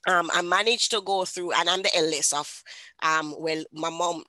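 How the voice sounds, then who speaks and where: A woman's voice: lowish voice, steady tone, normal speed, dry recording. A woman from Jamaica with a Jamaican accent, a guest author telling her life story with lots of fillers. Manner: warm storytelling, many fillers. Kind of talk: casual interview talk.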